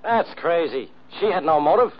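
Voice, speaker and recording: An American actor playing a stubborn, blustering middle-aged police inspector in a 1940s radio mystery, blunt and insistent, on an old recording. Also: male voice, on the high side, expressive, normal speed, husky, dull audio. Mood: skeptical. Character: blustering, hard-nosed police inspector man, stubborn and boastful.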